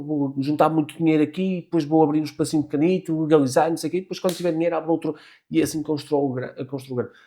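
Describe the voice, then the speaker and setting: A middle-aged man with a European Portuguese accent, a guest on a podcast, talking in a lively, casual way with frequent restarts and swearing. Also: fairly high pitch. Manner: animated, swearing, many restarts. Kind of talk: casual chat.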